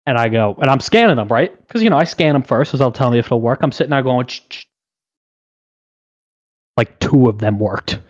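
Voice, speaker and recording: A young man co-hosting a podcast, telling a story in an animated, profane way. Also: medium pitch, fast talker, hardly any pauses, no room sound, dull audio. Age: young adult. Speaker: podcast co-host.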